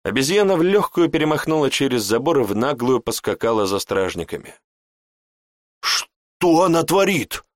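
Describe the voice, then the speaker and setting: A man narrating a fantasy audiobook in an even storytelling manner. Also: medium pitch, fast, hardly any pauses, dry recording, clean studio sound. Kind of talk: scripted narration.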